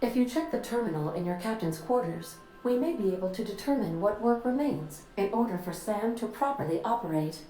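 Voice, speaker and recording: A woman voicing a calm, polite female ship computer in a video game, formal, precise and dryly witty. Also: mid-range voice, fairly quick, few pauses, natural voice. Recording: roomy game audio.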